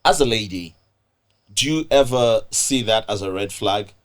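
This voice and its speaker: A man's voice: on the low side, expressive, measured pace. A man from Zambia, hosting a podcast and steering the topics in a playful, teasing way. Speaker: podcast host. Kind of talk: casual chat.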